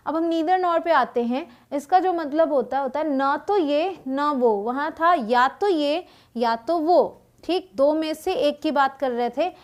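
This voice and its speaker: A woman teaching an English grammar lesson, reading example sentences slowly and deliberately and checking in with quick asides to her students. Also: high voice.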